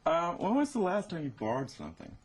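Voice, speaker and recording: A male host firing off quick, teasing questions in a relaxed interview. His voice leaps all over the place, mid-pitched and very animated, with light noise under it. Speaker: radio host. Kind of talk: casual interview.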